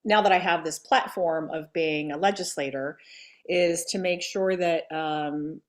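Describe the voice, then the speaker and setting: Earnest woman legislator guest with a somewhat low voice, halting with pauses. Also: fairly even intonation. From Greece and Delaware. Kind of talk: interview conversation.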